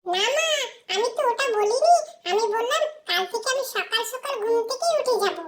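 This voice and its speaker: A woman's voice: very high-pitched, animated, normal speed, pitched above the performer's own voice. A woman voicing a small cheeky boy in a playful home role-play, babyish, giggly and clingy with his mother. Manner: babyish, giggly, calling out and teasing.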